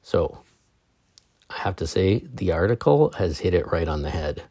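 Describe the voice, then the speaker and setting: Calm, low-voiced man reading on meditation. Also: normal speed, no echo, studio quality. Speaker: meditation podcast host. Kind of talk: reading an article aloud, then commenting.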